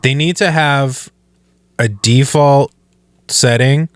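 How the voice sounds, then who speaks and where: A man's voice: mid-range voice, takes it slowly, dry recording, studio quality. A man hosting a podcast, talking in an easygoing way with rambling asides. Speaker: podcast host. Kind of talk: casual chat.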